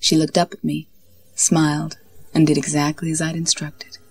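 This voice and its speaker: A woman reads an intimate story in a slow, breathy manner that drops close to a whisper. Her voice sits low and husky, with a gravelly fry. Her delivery stays flat and even. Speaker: story narrator. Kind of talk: intimate scripted story reading.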